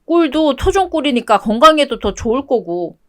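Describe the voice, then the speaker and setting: A woman's voice: sits high, very animated, normal speed, a bit bright. A woman voicing a clingy young husband who begs and whines in a web-toon radio drama reading. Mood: pleading. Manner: whiny, begging.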